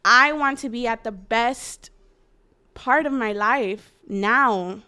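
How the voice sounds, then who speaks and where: A woman's voice: fairly high pitch, slow pace, pushed and bright, clear, resonant tone. A woman in her twenties talking earnestly and reflectively in an interview, often saying "like.". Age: 20s. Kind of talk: candid personal interview.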